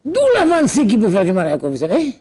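A man teaching a religious lesson, telling the stories in a lively way and acting out the characters. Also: sits high, fast talker, husky. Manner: storytelling, acts out characters. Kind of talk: animated religious lesson with acted-out voices.

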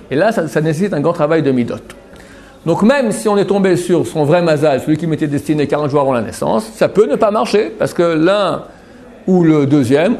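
A man with a fairly high voice and a gravelly edge leads a religious class. He talks in an animated way, often restarting his words and checking that his listeners follow. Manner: animated, keeps checking in with "d'accord?"; repeats and restarts words while explaining. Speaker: religious teacher. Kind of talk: religious lesson to a class, taking questions.

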